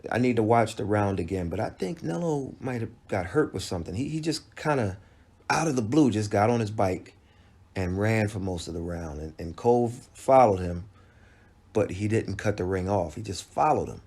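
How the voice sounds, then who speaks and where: A man giving a halting solo recap of a boxing match, with frequent restarts and fillers. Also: fairly low pitch, animated, a little mellow, husky. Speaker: boxing commentator.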